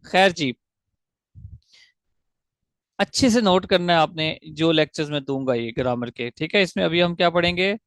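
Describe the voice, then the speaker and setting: A man teaching English grammar over a video call. He explains step by step, slows down to spell out syllables and quizzes the class. His voice sits a little high and gravelly, and the sound is dry and close. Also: fairly bright tone, no echo. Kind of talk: online grammar lecture.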